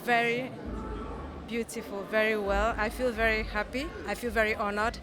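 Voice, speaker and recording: A middle-aged woman giving composed interview answers in short, deliberate phrases. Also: a little high, level tone, crowd noise. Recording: music behind interview.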